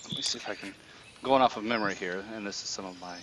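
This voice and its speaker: A man with a slightly low voice narrates a tabletop game as its game master. He is casual and explanatory, halting as he goes, over clearly audible nature ambience with animal sounds. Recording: nature ambience noise behind voice.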